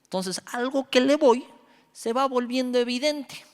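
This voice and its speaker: A man's voice: very high voice, unhurried, clean tone. A young man, preaching at a youth Bible study, telling stories with acted-out dialogue and joking with the audience. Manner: animated storytelling, acts out dialogue, jokes with the audience. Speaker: youth pastor. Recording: reverberant hall.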